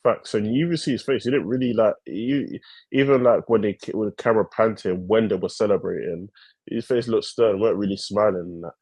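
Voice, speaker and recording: A young man co-hosts a football podcast in relaxed, slangy talk. His voice is low and a bit husky. He keeps calling the others brother and bro. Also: a little fast, dry recording. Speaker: podcast co-host. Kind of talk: casual chat.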